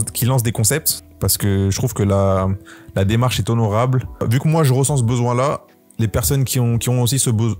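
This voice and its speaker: A man's voice: lowish voice, darkish tone. A man, talking casually to camera about his channel, rambling with lots of fillers and restarts. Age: 20s. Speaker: YouTuber hosting his own podcast. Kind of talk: casual solo talk to camera.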